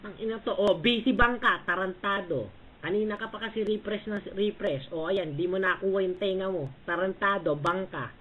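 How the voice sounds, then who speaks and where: A man's voice: sits high, moderate pace. A man trash-talking rivals in an online voice chat room, mocking them and barking short orders. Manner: taunting and bossy, repeatedly barking short orders and "ha?". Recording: tinny voice-chat line with faint hiss.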